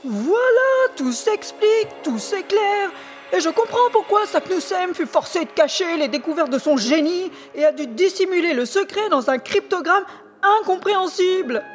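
A woman voicing an excitable, impatient old male professor who exclaims and stammers, reading a storybook aloud. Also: extremely high pitch, normal speed, soft background music, voice pushed up. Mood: elated. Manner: exclamatory, stammering when caught out.

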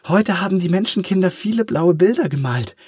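A man voicing a cheerful, warm-hearted little female eraser in a high, bubbly, quick voice. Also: lively intonation, husky, no room sound, clean studio sound, heavily acted. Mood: enthusing.

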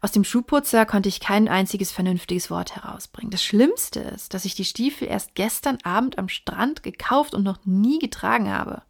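A woman's voice: medium pitch, animated, normal speed, creaky, few pauses. A woman reading the part of a plainspoken young male baronet raised in America, in an audiobook.

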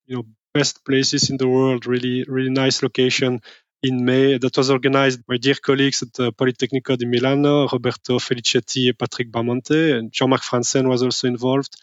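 A man speaking as an academic interview guest, explaining his work in a friendly, measured way. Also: medium pitch, monotone, dry recording, dull audio.

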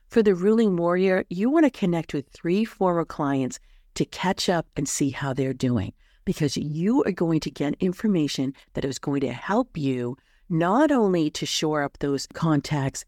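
A woman's voice: low-pitched, darkish tone, no room sound, studio quality. A woman hosting a solo advice podcast in an upbeat, tidy, encouraging manner, like a coach reading prepared tips. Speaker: astrology coach and podcast host.

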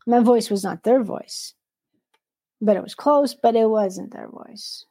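A woman with a gravelly, fry-tinged voice and a warm, mellow tone speaks about faith and business in an earnest, conversational way. She often quotes scripture and sometimes stops to correct herself mid-sentence. The recording is dry and close, with no room sound. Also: on the high side, unhurried, dry recording. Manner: restarts and self-corrections. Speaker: entrepreneur and devotional author. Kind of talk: faith-based conversational sharing.

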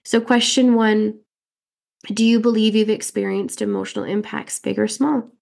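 A woman hosting a motivational podcast while getting over a head cold, her voice nasal and raspy, coaching listeners directly with earnest questions. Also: medium pitch, steady tone, moderate pace, darkish tone. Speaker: podcast host and fertility mindset coach.

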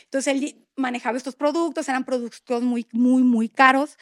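A woman in her thirties with a Mexican Spanish accent speaks in a high, steady voice at a normal pace. As a podcast guest, she tells a personal story with feeling, colloquial and at moments tearful. The recording is dry, with clean studio sound.

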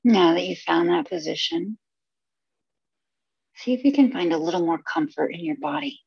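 A woman guides a meditation in a soft, husky voice with a creaky edge. She is soothing and unhurried, leaving space between short phrases. The recording is close and dry, with a slightly dull sound. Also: on the low side, expressive, dry recording. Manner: soothing, unhurried delivery with pauses.

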